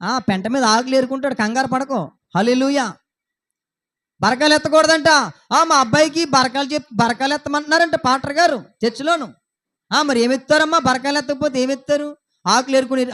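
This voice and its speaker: A man's voice: extremely high pitch, fairly bright tone. A man preaching a Sunday sermon as pastor, asking his listeners repeated questions. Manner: preaching with repeated rhetorical questions and acted quotes.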